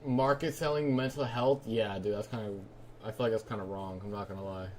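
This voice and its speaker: A man's voice: on the low side, steady tone, fairly quick, a little mellow, slight background noise. A man hosting a trading livestream, who banters casually and jokes with his chat. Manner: joking, laid-back banter. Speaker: livestream host and trader.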